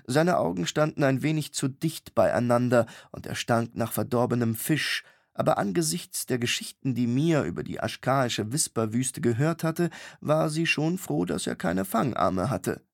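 A man narrates a fantasy audiobook in a steady, measured voice of middle pitch. His delivery is even and unhurried, plainly scripted storytelling. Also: gravelly, dry recording, studio quality.

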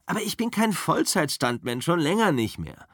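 A man reading an audiobook, voicing a calm, easygoing male driver and stunt double who talks matter-of-factly. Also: fairly high pitch, moderate pace, no echo, studio quality, pitched above the performer's own voice, heavily acted. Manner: easygoing, soothing, matter-of-fact. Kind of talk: audiobook character voice.

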